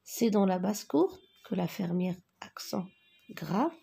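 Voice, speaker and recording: A woman teacher going slowly through a spelling exercise, dictating words and naming each accent mark. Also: mid-range voice, big pitch swings, creaky, dark tone, husky. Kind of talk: worksheet correction lesson.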